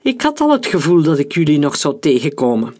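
A storyteller voicing a calm, mocking male villain in an audiobook, cool and sneering. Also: medium pitch, brisk. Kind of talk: audiobook reading.

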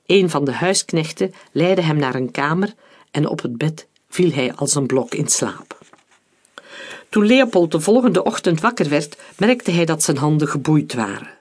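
A man narrating an adventure novel as an audiobook in a calm, steady reading. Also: fairly high pitch, measured pace. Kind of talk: scripted narration.

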